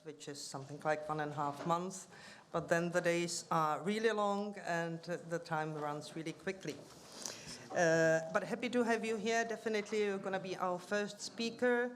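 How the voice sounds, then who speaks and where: Speaking into a table mic in a conference room, a woman with a lowish voice presides over a formal union meeting, greeting guests and announcing each speaker's name and title. Her delivery is full of pauses and fillers, with slight background noise.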